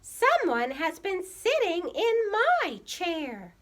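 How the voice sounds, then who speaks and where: Woman voicing high, singsong Mama Bear. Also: huge pitch swings, slow, a bit bright, full character voice. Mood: puzzled, concerned. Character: concerned female Mama Bear.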